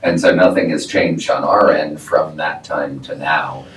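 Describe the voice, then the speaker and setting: A man's voice: rumbling low, steady tone, measured pace. A man chairing a board meeting in casual talk, joking and laughing often. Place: meeting room. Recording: echoey room, distant mic, faint noise.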